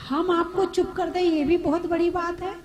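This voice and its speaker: A woman, a Jain nun, giving a conversational sermon, asking her audience questions with gentle humor. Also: extremely high pitch, little pitch movement, normal speed, low-quality recording.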